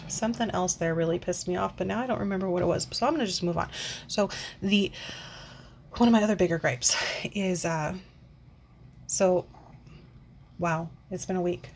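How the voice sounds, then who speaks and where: A woman's voice: fairly low pitch, moderate pace, gravelly, pauses often, a little mellow, a little hiss or hum. A woman in her forties ranting casually into the camera, rambling and swearing, with frequent sighs and filler words. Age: 40s. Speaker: book vlogger. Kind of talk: casual rant.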